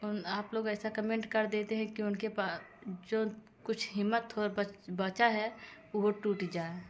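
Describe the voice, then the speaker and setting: Woman vlogger, level monotone delivery, noisy background. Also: medium pitch, measured pace. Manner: pleading, repetitive, addresses viewers as friends. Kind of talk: casual direct-to-camera vlog talk. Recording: noisy ambience behind.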